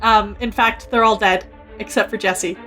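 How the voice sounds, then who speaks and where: A woman's voice: mid-range voice, fairly even intonation, fairly bright tone. Hesitant woman player over music. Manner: hesitant, halting. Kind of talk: casual tabletop play.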